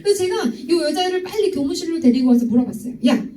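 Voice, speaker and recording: Lively woman preaching in an echoey hall. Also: very high-pitched, quick pace, recorded from a distance. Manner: lively, teasing, asks students directly. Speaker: youth ministry speaker. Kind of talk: youth sermon with stories. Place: church hall.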